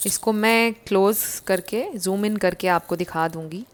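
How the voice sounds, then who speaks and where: A woman giving a casual tarot reading to her viewers, gentle and reassuring, slipping English phrases into her talk. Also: medium pitch, measured pace. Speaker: tarot card reader.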